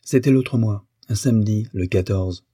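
Man voicing a sharp, accusing bourgeois wife. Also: on the low side, moderate pace, breathy edge, dry recording, clean studio sound. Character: wounded, bitter bourgeois wife.

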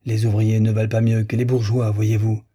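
A distraught young idealist pleads in a doleful, plaintive voice that sits a little higher than the reader's own, as a man puts him on for an audiobook. The tone stays dark and mellow, with a husky grain. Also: completely flat delivery, a little fast. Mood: despairing.

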